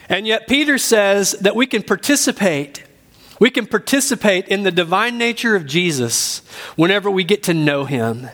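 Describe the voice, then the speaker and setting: With a fairly high pitch and a fairly bright tone, this pastor gives sermon teaching from the pulpit microphone. His delivery is earnest, and he repeats key phrases to stress them.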